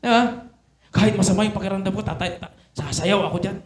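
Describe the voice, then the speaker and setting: A man with a voice that sits high for a male preaches a sermon blending Tagalog and English at a quick pace. He keeps turning to the congregation with rhetorical questions, and the recording echoes as if made in a church sanctuary.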